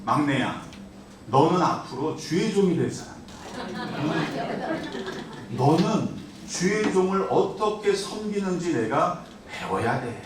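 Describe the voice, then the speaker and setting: A man doing a soft-spoken devout mother. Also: a little high, sing-song, slow pace, far from the mic, background noise. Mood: tender. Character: gentle devout mother soothing her youngest son. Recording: echoey church hall from afar.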